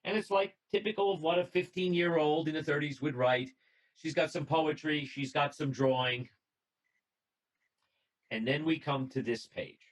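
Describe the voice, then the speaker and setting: A man's voice: a little high, normal speed, poor audio. A man giving an illustrated presentation to a radio club over a video call, telling the story in a conversational way and reading out notes, with small restarts. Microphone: computer mic on a video call.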